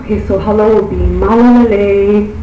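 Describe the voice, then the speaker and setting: A woman from Tonga, giving earnest, measured answers as a beauty pageant contestant. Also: fairly low pitch, steady tone, dark tone, dull audio, a little hiss or hum. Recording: echoey room, distant mic, music behind.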